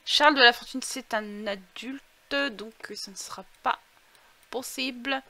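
High bright-voiced woman playing a game. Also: unhurried, no echo. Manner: chatty, excitable outbursts, thinks aloud. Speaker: gaming YouTuber. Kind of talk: casual let's-play commentary. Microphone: headset. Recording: failing headset mic.

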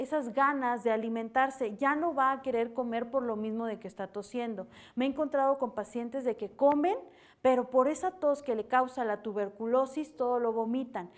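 Higher-pitched Mexican woman explaining remedies. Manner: steady explanatory delivery. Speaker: herbal advisor. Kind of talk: radio health talk.

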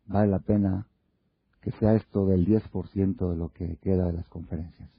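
Male religious lecturer, husky, rhetorical questions, muffled dry lo-fi sound. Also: low-pitched, steady tone, normal speed. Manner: asks many rhetorical questions; acts out little dialogues. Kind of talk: Torah lecture to an audience. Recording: dull lo-fi recording.

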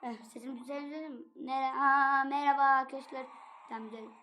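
High-voiced woman chatting through a game. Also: quick pace, slight background noise. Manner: playful, chatty and excitable while gaming. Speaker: gaming channel host. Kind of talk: casual let's-play commentary.

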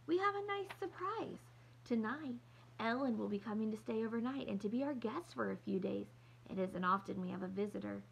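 A woman reading aloud, voicing a worried mother who keeps her voice brisk and cheerful. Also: mid-range voice, steady tone, creaky, slightly rough, poor audio.

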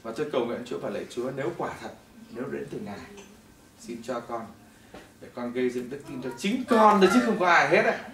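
A middle-aged man giving a testimony sermon in a church hall, telling his story in an animated way that swings between loud bursts and hushed moments. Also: mid-range voice, quick pace, noisy background. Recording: echoey hall, mic at a distance.

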